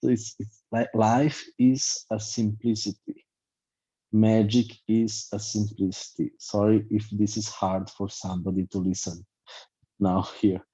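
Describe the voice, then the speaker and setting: Man, middle-aged, life coach, rambling and blunt, very dark low voice, muffled video-call sound. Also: flat delivery, unhurried, slightly rough. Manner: loose, repetitive, filler-heavy, blunt. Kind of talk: online class talk.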